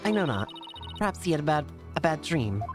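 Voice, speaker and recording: A man's voice: on the high side, sing-song, fairly quick, music in the background, pitched above the performer's own voice. A man voicing a proud, troubled teenage princess in a game, with stiff, archaic formality. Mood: hesitant, formal.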